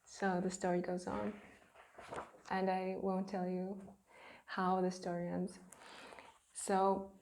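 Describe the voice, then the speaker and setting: Slow, mellow woman vlogging. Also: mid-range voice. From Estonia. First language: Estonian. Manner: gentle, thoughtful, pauses often. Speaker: children's book illustrator. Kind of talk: casual studio vlog. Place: her home art studio.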